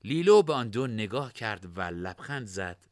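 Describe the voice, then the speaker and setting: A man narrating a fantasy story in expressive storytelling style. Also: fairly low pitch, no echo, clean studio sound.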